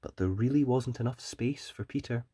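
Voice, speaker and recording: A children's story reader and host narrates a picture book gently, deliberately and expressively. The voice is husky and medium-pitched, recorded with clean studio sound and no echo.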